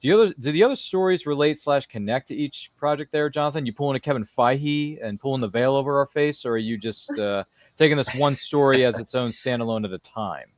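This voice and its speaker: A quick-talking man with a mid-range voice hosts a laid-back live interview show, reading out viewer comments. He tosses in jokey, slangy, theatrical asides aimed at people who aren't there, and the recording has no room sound.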